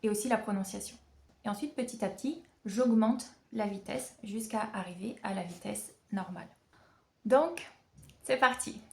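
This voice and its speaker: A woman vlogging casually from home about learning songs, chatty and self-mocking, sounding out syllables slowly. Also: medium pitch, creaky, a little hiss or hum. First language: French. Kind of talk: casual vlog.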